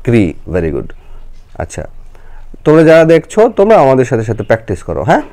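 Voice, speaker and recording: Woman teacher, very deep, lively intonation, patient and coaxing. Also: a little fast. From Bangladesh. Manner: patient, coaxing, explains step by step. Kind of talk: children's lesson.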